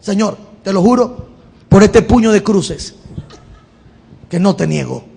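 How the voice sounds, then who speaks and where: A preacher voicing impulsive apostle Peter. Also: male voice, sits high, lively intonation, slow pace, gravelly, mellow, slightly rough, in a large hall, heavily acted. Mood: pleading. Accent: Venezuelan Spanish. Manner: swearing oaths, self-reproaching.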